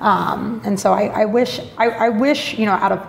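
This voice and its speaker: With a medium pitch, creaky texture, and moderate pace, a woman talks as a guest in a podcast interview. She is a marketing blogger, and she speaks openly and directly, dropping lots of fillers and a few swear words. The audio carries roomy echo and faint noise.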